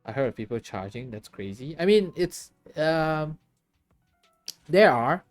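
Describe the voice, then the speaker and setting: A man's voice: on the high side, animated, a little slow, dry recording, faint music behind. A tired man chatting casually while streaming a game, laughing often and answering his chat.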